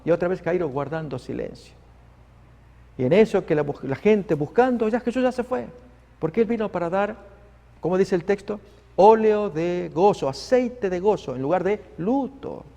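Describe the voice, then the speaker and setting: Male preacher, sermon, vivid emphatic storyteller, fairly high gravelly voice. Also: expressive, normal speed, dark tone, big-room sound. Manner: emphatic, vivid storytelling, addresses listeners as friends.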